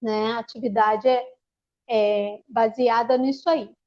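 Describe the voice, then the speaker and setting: Her voice slightly high, steady and unhurried, a woman teacher with a Brazilian Portuguese accent explains a classroom activity on a video call for an online panel at home. She restarts frequently and uses plenty of fillers, and the audio is lo-fi.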